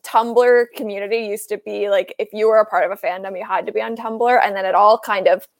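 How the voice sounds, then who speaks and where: A young woman with a Canadian accent hosting a podcast in an upbeat, chatty way, often tossing in quick agreeing asides. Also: mid-range voice, steady tone. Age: young adult. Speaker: podcast host. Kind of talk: casual podcast chat.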